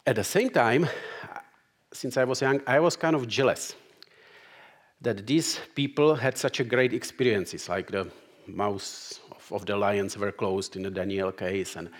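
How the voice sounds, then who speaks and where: A middle-aged man with a clear Czech accent gives a sermon in English, his second language. He reads scripture and then talks haltingly, with frequent fillers and restarts. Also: on the low side. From Czech Republic. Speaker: guest preacher. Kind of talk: sermon with Bible reading.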